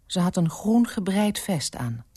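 A woman reading a story aloud for radio in a calm, measured narration, close to a studio mic. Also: lowish voice, breathy edge, dry recording. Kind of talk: scripted narration.

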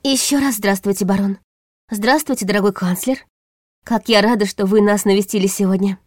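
A woman reading a storybook audiobook, voicing a cheerful, confident young woman with a lively, friendly manner. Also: medium pitch, brisk, dry recording, clean studio sound, natural voice.

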